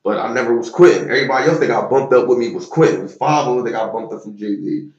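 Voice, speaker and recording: A man in his thirties telling stories about his high school football days in a loose, slangy way with lots of fillers. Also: rapid-fire, roomy sound, muffled recording. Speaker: interview guest, former football player. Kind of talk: casual storytelling interview.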